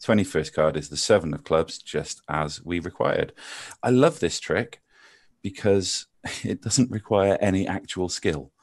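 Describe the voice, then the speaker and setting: A man with a gentle Bristol accent, a maths teacher chatting over a video call and walking through card tricks with self-deprecating jokes. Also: low voice, unhurried, dry recording. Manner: self-deprecating, jokey, chatty with frequent ums. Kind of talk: casual chat and card trick demonstration.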